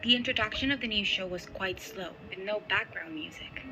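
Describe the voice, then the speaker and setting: A woman reading a scripted horror story in an even, measured way. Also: mid-range voice, background noise. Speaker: narrator. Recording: music playing underneath.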